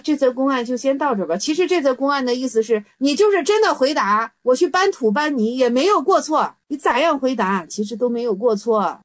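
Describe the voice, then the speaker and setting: High-voiced woman telling Zen stories. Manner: animated storytelling, acting out dialogue. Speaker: Zen teacher. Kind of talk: lively dharma talk on koans.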